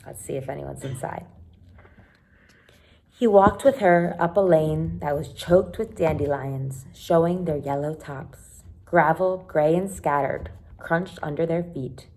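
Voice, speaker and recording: This woman's voice sits low and a little mellow, with vocal fry, and she speaks a little slowly. Like a teacher, she reads a children's chapter book aloud expressively, pausing for brief explanatory asides meant for young listeners.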